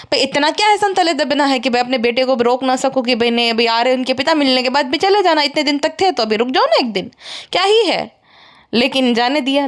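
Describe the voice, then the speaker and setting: High-pitched woman roasting vloggers, sarcastic and scornful, chatty. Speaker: commentator. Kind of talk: casual roast commentary.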